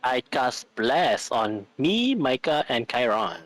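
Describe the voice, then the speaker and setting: A man's voice: sing-song, slow pace, a bit bright, dry recording. A man playing in an online tabletop game, chatting playfully. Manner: playful, bursts into high laughter. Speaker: player. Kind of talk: casual game chat.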